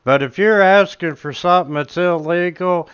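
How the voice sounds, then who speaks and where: A man's voice: high-pitched, a bit bright, smooth, voice pushed up. A man doing a wary shopkeeper. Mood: wary, bargaining. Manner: halting, full of stammers and filler sounds. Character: gruff male merchant, shrewd, rule-minded shopkeeper. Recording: dull lo-fi recording.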